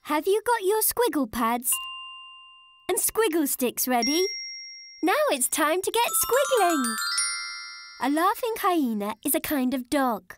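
A woman voicing a friendly little male cartoon monster who loves drawing, talking slowly and gently to young children. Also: high-pitched, sing-song, music in the background. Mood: cheerful. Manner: slow, gentle and cheerful, speaking to children. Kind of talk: cartoon voice acting for preschoolers.

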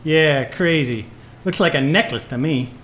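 Performing live in a club, a woman plays a retired male jazz musician in a noir audio play: bitter, wisecracking, weary and sardonic, speaking hep-cat slang and stammering whenever he's rattled. Her voice is low-pitched and a little slow.

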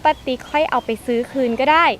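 A woman's voice: quick pace, a bit bright, a little hiss or hum, lightly acted. A woman playing a wheedling young schemer coaxing an aunt in a short film. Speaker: persuasive schemer.

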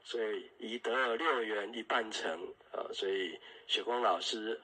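Husky, bright-voiced man teaching Dharma. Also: lowish voice, measured pace, rough recording. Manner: explanatory, dotted with "ah" particles and "right?" checks. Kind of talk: Dharma class lecture.

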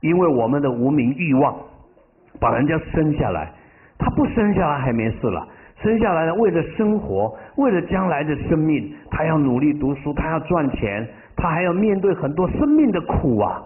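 Animated male preacher, tinny sound. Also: fairly high pitch. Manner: drawn-out emotional phrase endings. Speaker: Buddhist master. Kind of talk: sermon with storytelling.

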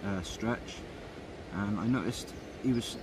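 A man's voice: fairly low pitch, takes it slowly, background noise. A man in his thirties talking casually to a camera held at arm's length outdoors, rambling with lots of ums as he narrates his fishing trip. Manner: relaxed, rambling, frequent ums. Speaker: fishing vlogger. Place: outdoors by a river in woodland. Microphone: phone or action camera held at arm's length.

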